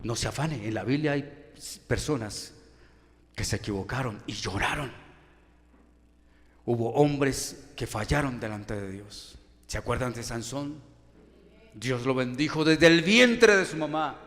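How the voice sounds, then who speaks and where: A man with a Colombian accent preaching a sermon as pastor, asking many rhetorical questions, his loudness rising and falling. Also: mid-range voice, measured pace, long pauses. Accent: Colombian Spanish. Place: church hall. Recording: long church hall reverb.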